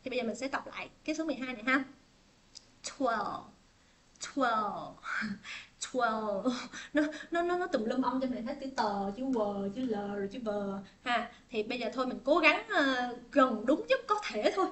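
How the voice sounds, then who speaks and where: A woman teaching a livestream pronunciation lesson, chatting with viewers and drilling each word by slow repetition, often laughing between drills, recorded indoors on a tablet microphone. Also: fairly high pitch, animated, fairly bright tone. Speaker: English teacher.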